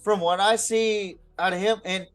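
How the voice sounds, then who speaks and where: Here the podcast host's voice sits high, with a steady tone and normal speed. He chats about football without a script, cursing and repeating himself bluntly while music plays in the background.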